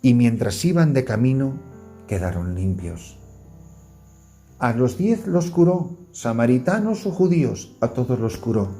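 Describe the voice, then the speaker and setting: A man's voice: medium pitch, expressive, a little slow, mellow. A man preaching as a priest, earnest, with rising emphasis on key words and a faint music bed behind. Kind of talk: sermon.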